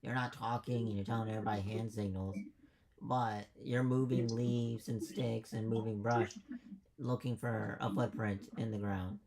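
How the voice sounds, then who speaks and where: A man's voice: on the low side, flat delivery, normal speed, creaky, a little mellow. A man acting as game master, casually narrating and explaining a tabletop game.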